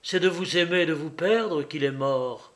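A man's voice: fairly high pitch, moderate pace, a bit bright, natural voice. A man voicing an earnest young woman.

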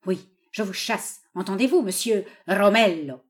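A woman's voice: unhurried, close to an everyday voice. A woman reading a novel aloud, voicing an old father who pleads with his daughter and then rages at her suitor. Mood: furious. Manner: pleading then furious, raised and high. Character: doting, tyrannical old father, quick to rage.

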